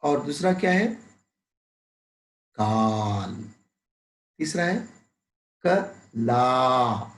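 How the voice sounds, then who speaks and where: A man teaching a Hindi lesson to schoolchildren, drawing out each word slowly and drilling word pairs. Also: medium pitch, expressive, echoey room, poor audio. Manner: very slow, drawn-out and deliberate, drilling word pairs; addresses pupils as "beta".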